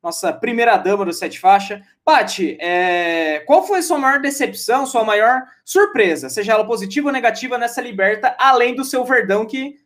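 A man's voice: extremely high pitch, lively intonation, normal speed, few pauses, a bit bright. A man with a Brazilian Portuguese accent hosting a casual sports podcast, chatty and jokey, often restarting and drifting off topic. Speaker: podcast host.

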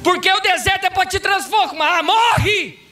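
A pastor delivers a fervent sermon in a strikingly high, sharp voice, rising into shouts. He sounds set back from the microphone, with soft music playing behind him. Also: measured pace, recorded from a distance. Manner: fervent preaching, bursting into shouts. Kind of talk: impassioned sermon. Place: church conference hall.

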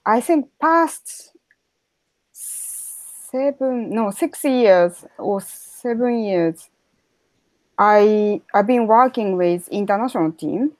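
A woman's voice: medium pitch, animated, takes it slowly, long pauses, darkish tone, no room sound, rough recording. A woman with a Japanese accent, a podcast guest talking carefully and searching for words over a video call. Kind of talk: casual podcast chat.

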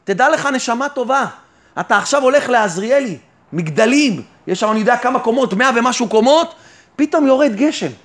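A man with a strikingly high voice preaches a fervent sermon as a rabbi. He addresses the listener directly, firing off rhetorical questions and answering them himself. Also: expressive, a bit bright. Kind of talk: sermon on faith and trust.

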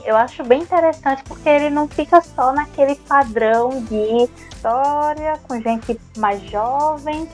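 A woman in a casual podcast chat, talking enthusiastically and expressively in quick bursts. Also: on the high side, a little mellow. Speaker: podcast guest or co-host.

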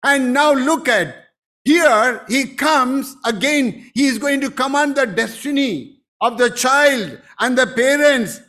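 High-pitched, slow-preaching pastor. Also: male voice, bright, forceful tone. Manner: emphatic preaching, breaks into exclamations. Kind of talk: sermon.

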